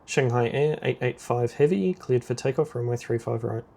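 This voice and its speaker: Clipped, procedural radio commands come from a man playing air traffic controller in a simulator game. He talks at a normal pace in a creaky, medium-pitched voice with a dark tone.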